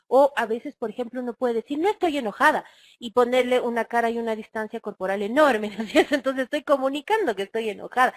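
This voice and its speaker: A fairly high-voiced woman with an Ecuadorian Spanish accent lectures in an explanatory way, turning to her listeners with rhetorical questions. The sound is dry and close, with no room around it. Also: no room sound. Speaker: webinar speaker on family counseling. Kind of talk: recorded online lecture.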